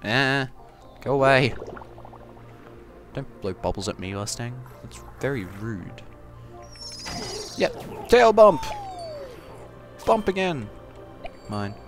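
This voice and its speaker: A man giving goofy, casual gameplay commentary, talking to the game and breaking into sudden loud yelps. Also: medium pitch, lively intonation, takes it slowly, long pauses. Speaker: gaming commentator. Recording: game music behind the voice.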